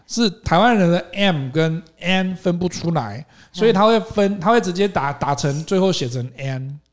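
A man with a Taiwanese accent hosting a casual chat, telling stories in an animated way and mixing in English words. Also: sits high, moderate pace. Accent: Taiwanese Mandarin. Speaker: talk show host and English teacher.

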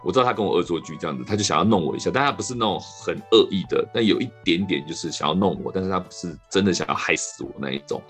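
A man with a Taiwanese Mandarin accent hosting a podcast, telling a rambling, animated story in casual chat. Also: deep voice, very fast, few pauses, soft background music. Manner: rambling, animated anecdote with restarts. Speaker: podcast host.

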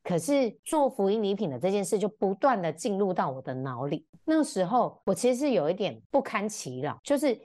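A woman's voice: brisk, few pauses. Woman, 30s, chatty guest telling her story, voice jumps all over when she acts out what people said. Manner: animated, acts out quoted dialogue in varied pitch. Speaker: podcast guest, brand founder. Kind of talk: casual storytelling chat.

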